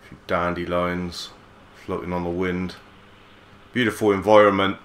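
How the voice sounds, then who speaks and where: Male let's player, deep monotone voice, laid-back musing. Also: moderate pace, slight background noise. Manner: relaxed musing, mild swearing. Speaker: gaming channel host. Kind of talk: let's play commentary.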